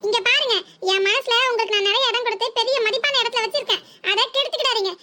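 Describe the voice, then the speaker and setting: A performer voicing a sharp-tongued, defiant young village wife in a cartoon, with a southern Tamil Nadu accent and a mocking way of talking. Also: extremely high pitch, quick pace, heavily acted. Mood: taunting. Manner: taunting, mocking. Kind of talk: cartoon voice acting.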